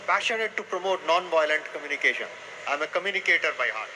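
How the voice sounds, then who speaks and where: A man's voice: fairly high pitch, animated, quick pace, sharp tone. A man on a panel introducing himself as a communication professional, earnest and restarting his phrases. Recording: noisy live event recording.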